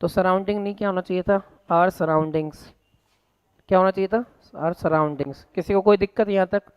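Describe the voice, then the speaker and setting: Indian-accented male teacher, classroom lecture, smooth voice, slightly dull lo-fi sound, quizzing students. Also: sits high, normal speed. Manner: drills students with repeated questions; mixes Hindi and English. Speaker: English teacher.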